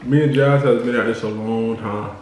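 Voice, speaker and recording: A man's voice: medium pitch, fairly even intonation, moderate pace, a little mellow. Young man, talking while chewing, easygoing casual vlog chat, very echoey room, faint hiss behind. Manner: easygoing, loose, filler-heavy talk. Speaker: vlogger. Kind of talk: casual mukbang chat to viewers. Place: home room, indoors.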